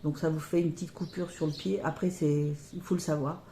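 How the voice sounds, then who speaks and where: Middle-aged lady showing off her knitting, lots of um and pauses, mellow voice, roomy echo. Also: deep voice, steady tone, slight background noise. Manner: chatty, hesitant, many pauses and fillers. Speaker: knitting podcaster. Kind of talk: casual show-and-tell about knitting. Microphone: camera on a table near her.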